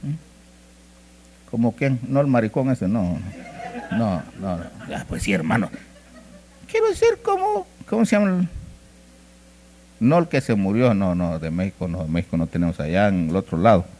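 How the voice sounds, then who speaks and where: A male pastor, preaching a sermon in a folksy, joking storytelling way, swinging between loud bursts and hushed asides. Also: sits low, moderate pace.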